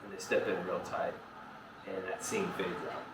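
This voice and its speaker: A man's voice: low-pitched, little pitch movement, moderate pace. A man narrating a tabletop game as dungeon master, casual and rambling with many fillers. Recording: roomy, distant, noisy home recording.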